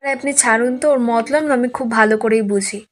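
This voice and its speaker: A woman's voice: a little high, fairly quick, lightly acted. A woman quoting an arrogant, bullying rich older man who sneers and blusters. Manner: blustering and contemptuous.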